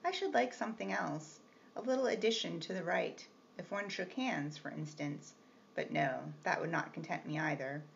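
A woman reading the part of a brusque, teasing gentleman employer with a gruff, commanding manner. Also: fairly high pitch, moderate pace. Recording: slightly muffled with faint hiss.

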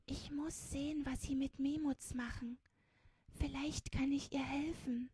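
A woman's voice: sits high, fairly even intonation, unhurried, warm tone, dry recording, pitched above the performer's own voice. A woman voicing a small, thin, frightened child in a storybook, whispering anxiously and close to tears.

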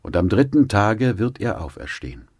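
A man reading the words of Jesus in a scripture audiobook, in a solemn, measured way. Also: on the low side, very animated, darkish tone, breathy edge, no room sound, clean studio sound, pitched above the performer's own voice. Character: Jesus, calm authoritative male teacher.

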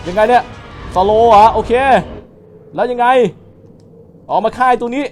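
A young man with a high, bright voice calls out a game as he plays, excitable and full of trash talk aimed at on-screen enemies. Loud game music plays behind him throughout. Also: moderate pace. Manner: excitable, trash-talks enemies, frequent exclamations. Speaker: gaming channel host. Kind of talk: let's play commentary.

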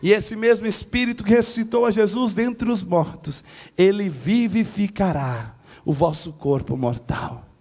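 Male pastor, higher-pitched, lively storytelling sermon in a church. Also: measured pace. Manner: animated storytelling, acting out voices with big pitch swings.

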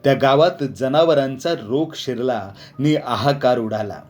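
Brief: male narrator, mid pitch, expressive story reading, faint music bed. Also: measured pace.

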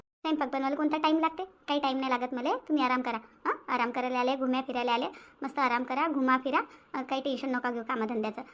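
A woman's voice: high voice, fairly even intonation, fast, a bit bright. A woman voicing a fussing village mother. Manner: fussing, insistent, repeats herself. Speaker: voice actor. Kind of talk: cartoon voice acting.

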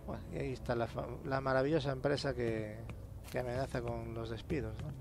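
Speaking briskly with little pitch movement, a medium-pitched man with a Castilian Spanish accent hosts a let's play, offering informal commentary and reading in-game notes aloud. He curses and grumbles to himself as he goes. Background noise can be heard.

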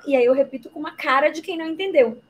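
A woman's voice: high voice, rapid-fire, low-quality recording. A woman, a guest speaker who explains her topic patiently, using examples and rhetorical questions. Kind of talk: explanatory talk in a live interview.

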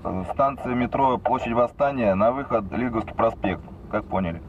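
A surveillance officer on a walkie-talkie, giving clipped reports with call signs. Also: male voice, medium pitch, moderate pace. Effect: over a walkie-talkie. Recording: muffled two-way radio sound.

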